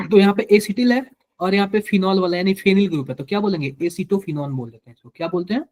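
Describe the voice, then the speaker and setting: High-voiced Hindi-accented chemistry teacher drilling a class. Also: male voice, fast talker, a little mellow. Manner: keeps quizzing students with repeated questions; repeats each answer to drill it in. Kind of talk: live classroom lecture.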